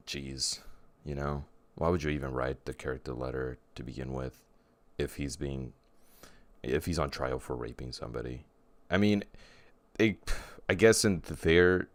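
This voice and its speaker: A man's voice: rumbling low, no echo. A man co-hosting a casual chat podcast, rambling and often restarting his sentences. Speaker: podcast co-host.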